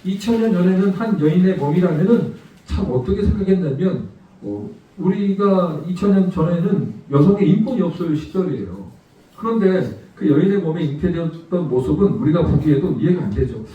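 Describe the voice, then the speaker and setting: High-voiced man preaching in an echoey church. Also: expressive, fairly quick, muffled recording. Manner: storytelling, asks the congregation rhetorical questions. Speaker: missionary guest preacher. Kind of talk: sermon. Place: church sanctuary. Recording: echoey church hall from far off.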